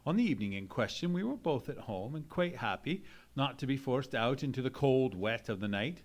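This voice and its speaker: A man's voice: mid-range voice, lively intonation, a little fast. A man playing a genteel, courteous doctor and loyal companion in an old-time radio mystery, speaking in formal Victorian phrases. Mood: measured storytelling. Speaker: narrator and actor in a live radio play. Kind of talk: old-time radio drama acting, storytelling. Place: live performance in a theatre.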